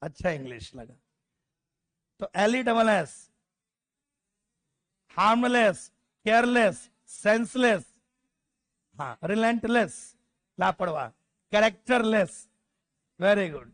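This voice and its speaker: High-voiced man teaching a slow classroom lesson. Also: a bit bright. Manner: drills word lists aloud, spells letters out, scolds students jokingly. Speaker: grammar teacher. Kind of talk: classroom lecture.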